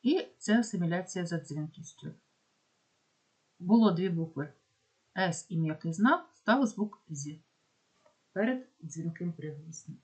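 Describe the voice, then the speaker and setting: A woman teacher with a Ukrainian accent and a lowish voice explains sound rules step by step. She slows down on each example word and says it carefully. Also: animated. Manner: slow, careful dictation of examples. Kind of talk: explaining phonetics lesson.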